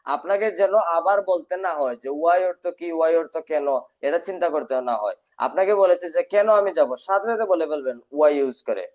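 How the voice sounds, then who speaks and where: Male teacher, somewhat high voice, stern, drills by repetition, dull lo-fi video-call audio. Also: expressive, moderate pace, a little mellow. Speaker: English teacher. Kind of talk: live online class lecture. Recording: dull lo-fi online class audio.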